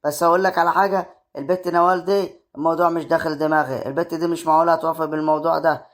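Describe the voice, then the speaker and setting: A man with an Egyptian accent acting in a comic drama, talking briskly and doubtfully. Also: a little high, steady tone, fairly bright tone. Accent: Egyptian Arabic. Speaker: lead character and creator of the web series.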